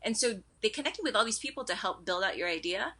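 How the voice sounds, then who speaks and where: An American woman chatting as an interview guest. Her voice is bright and pushes forward, and she jumps into quoted voices as she tells her story. Her pitch sits in the middle range. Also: slightly rough. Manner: animated storyteller, quick with fillers and quoted asides. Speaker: edtech director, podcast guest. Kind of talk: casual interview conversation.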